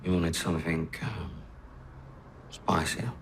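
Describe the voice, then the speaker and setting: An actor playing a guarded young male drug dealer in a police interview, speaking flatly. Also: sits low, takes it slowly, slight background noise. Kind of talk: TV crime drama acting.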